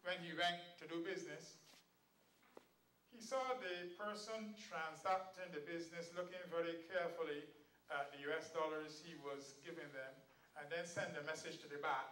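Caribbean preacher, high and bright, quizzes his flock; recorded far off in a roomy hall. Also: steady tone, normal speed. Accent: Caribbean English. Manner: quizzes the audience with rhetorical questions, quotes scripture. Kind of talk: camp meeting sermon. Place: hall at a church camp. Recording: echoey room, voice far from the mic.

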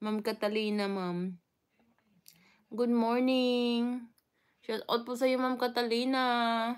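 A woman's voice: on the high side, steady tone, slow pace, clear, resonant tone. A Filipino woman from the Philippines chatting casually on a live stream, greeting viewers one by one with frequent fillers and laughs.

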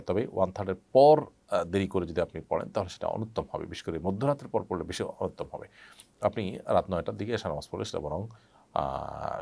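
A man with a Bangladeshi Bengali accent, an Islamic scholar reading out viewers' questions during a live session and answering them in a measured way with frequent "ah" fillers. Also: deep voice, vocal fry, a little mellow.

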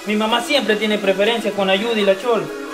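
A man's voice: sits high, little pitch movement, a little fast, loud music behind the voice. A young man performing comedy skits in an exclamatory, acted style. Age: young adult.

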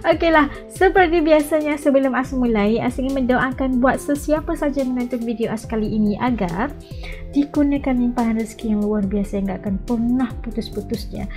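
A young Malaysian-accented woman hosts a casual reaction video. Her voice sits a little high, with faint music behind it. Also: brisk, a little mellow. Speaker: host of a reaction channel. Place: small indoor room with a gaming desk.

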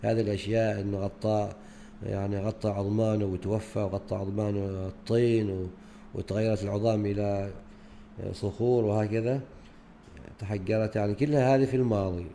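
Male teacher with a Gulf Arabic accent, dark mellow tone, hesitant explanatory delivery that mixes Arabic and English words. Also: fairly low pitch, steady tone, a little fast, slight background noise. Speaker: teacher explaining a grade-four English unit. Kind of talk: recorded lesson walkthrough.

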